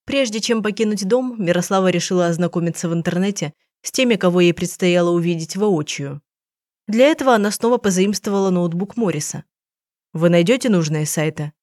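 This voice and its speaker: A woman reads an audiobook in an even, measured way. Her voice sits fairly low, and the recording is close and dry with no room sound. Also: no echo. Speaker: audiobook narrator. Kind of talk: scripted narration.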